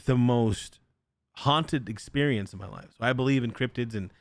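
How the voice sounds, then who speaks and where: In a mid-range voice at a normal speed, with no echo, a young podcast host narrates a ghost story. He's lively and offhand, swears often, and mimics the voices of the people in the tale.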